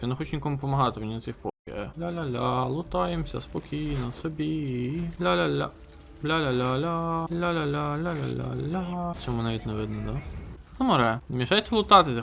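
Fast-talking excitable male streamer. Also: medium pitch, a little hiss or hum. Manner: fast, excitable, swears a lot, reads game text aloud. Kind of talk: casual game stream commentary.

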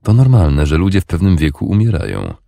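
A man voicing a calm, polite young jarl who answers in measured replies. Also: deep voice, creaky, no room sound, studio quality, full character voice.

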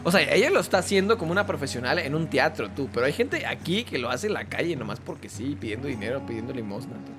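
A man's voice: medium pitch, animated, fast, few pauses, over music. A man with a Mexican accent, chatting casually and joking while he plays and comments on a game. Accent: Mexican Spanish. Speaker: gaming YouTuber.

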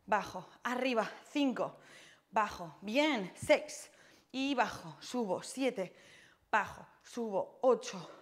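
A woman's voice: mid-range voice, expressive, slow pace. A young woman fitness instructor cueing a floor workout with counts, short puffs of breath, and out of breath as she exercises along.

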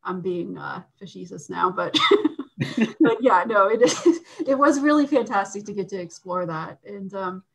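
A woman speaking as a guest in a panel discussion on a video call, hesitant, with many fillers and soft laughs. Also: mid-range voice, animated, unhurried, vocal fry, slightly rough, low-quality recording.

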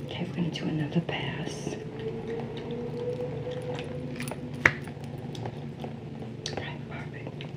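A woman playing a pushy, flattering salon sales associate with a New Jersey accent in a whispered role-play, chewing gum as she talks. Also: sits low, a little fast, lightly acted. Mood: soothing, attentive. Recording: clearly noisy background.

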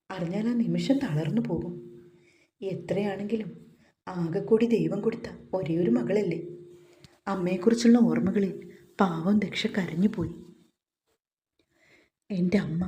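A woman narrating a scripted romantic story with steady, even storytelling. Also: medium pitch.

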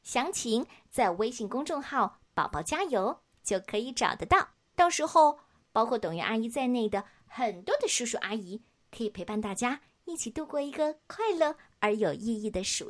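A woman narrating a children's story in a playful, sing-song storyteller's manner. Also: on the high side.

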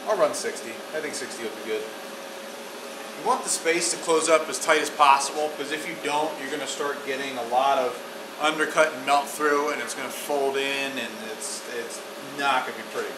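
A man's voice: on the high side, recorded from a distance. Matter-of-fact man in an echoey garage. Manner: practical, matter-of-fact explaining step by step. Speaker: welding instructor. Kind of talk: instructional demonstration. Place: home garage workshop. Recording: echoey garage from afar with fan hum.

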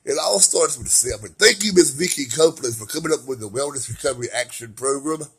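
A man talking to his camera about his recovery, swinging between soft, slow remarks and loud bursts of laughter. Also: medium pitch, expressive, slightly rough. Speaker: vlogger sharing his recovery. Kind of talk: casual personal vlog.

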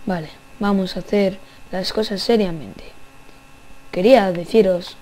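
A young woman giving silly, playful gameplay commentary, repeating phrases with rising pitch and singing bits. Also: measured pace, mellow, poor audio. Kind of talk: playful let's-play commentary.

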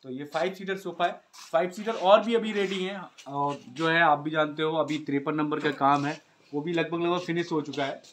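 In a cluttered workshop, a young sofa maker from Uttar Pradesh walks the camera through his sofas, explaining them courteously and at length in a Hindi accent. His fairly high voice is steady, a bit bright, and at normal speed, with slight background noise.

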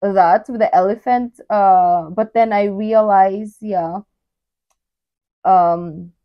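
A young woman from the Philippines talks casually over a video she is reacting to, full of curious questions and quick asides. Her voice sits at an ordinary middle pitch for a woman. She is recorded in a bedroom at home on a mic at her desk. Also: steady tone, highs cut off. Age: young adult. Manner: chatty, curious, interjects often with questions.

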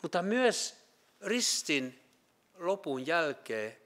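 Earnest male preacher with a bright voice. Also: on the high side, big pitch swings. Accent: Finland Swedish. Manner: earnest, rises to emphatic peaks and drops to hushed quiet; halting restarts with Finnish filler sounds. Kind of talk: sermon.

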